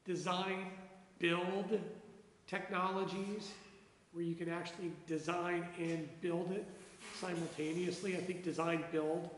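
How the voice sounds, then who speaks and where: A man's voice: high voice, level tone, unhurried, heavy reverb, big-room sound, a little hiss or hum, rough recording. A man teaching a class, coaching a student emphatically on how to project her voice. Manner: emphatic, demonstrates projecting his voice. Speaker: instructor.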